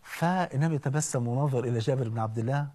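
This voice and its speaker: A man with an Egyptian accent preaching in an animated, conversational storytelling way, often checking in with listeners. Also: medium pitch, quick pace, slightly rough. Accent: Egyptian Arabic. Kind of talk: storytelling sermon.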